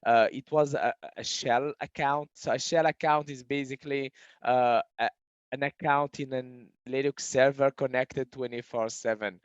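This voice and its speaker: A man's voice: mid-range voice, steady tone, normal speed, clean tone, dry recording, dull audio. A man in his thirties from Morocco, answering interview questions casually with many fillers and restarts. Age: 30s. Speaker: guest entrepreneur.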